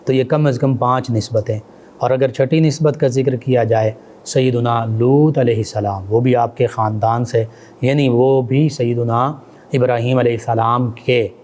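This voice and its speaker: A man giving a religious lecture in a measured, explanatory way. He pauses often with hesitant fillers and adds reverent honorifics to names. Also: medium pitch, fairly even intonation, darkish tone. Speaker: religious scholar.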